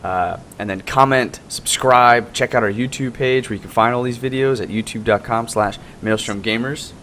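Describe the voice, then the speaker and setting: A man's voice: normal speed, a bit bright. A man hosting an online panel show in a casual, informal, rambling way over a group call. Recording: noisy, low background rumble.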